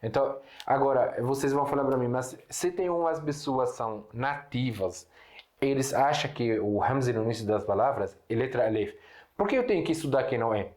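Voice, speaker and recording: Young male Arabic teacher with an Arabic accent, explainer type, mid pitch, roomy echoey recording. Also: expressive, brisk, darkish tone. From Syria. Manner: patient explaining, frequent self-corrections and rhetorical questions. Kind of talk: online language lesson. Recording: echoey room.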